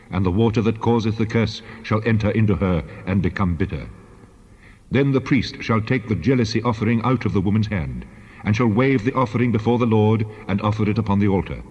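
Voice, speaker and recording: A solemn, commanding God pronounces law in a low, husky voice. The delivery is measured and authoritative, in the manner of dramatized scripture, and it rings out in a long hall reverb. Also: male voice, darkish tone. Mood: solemn, stern. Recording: long hall reverb, dull band-limited sound.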